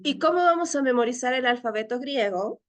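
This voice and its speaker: A woman's voice: sits high, animated, fairly quick. A woman teacher leading a Greek class, explaining patiently step by step and often checking with her students. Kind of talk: online class lecture.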